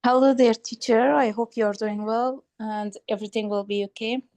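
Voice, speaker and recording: A woman's voice: on the high side, fairly even intonation, normal speed, darkish tone, no echo. A young woman from Afghanistan reading a grateful thank-you message over a video call, with hesitant fillers. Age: young adult. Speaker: program participant.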